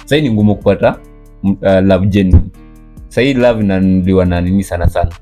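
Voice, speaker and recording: A man's voice: sits low, quick pace, mellow. A young man with a Kenyan accent in casual group banter, telling things emphatically, repeating words and switching between languages. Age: young adult. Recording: background guitar music behind talk.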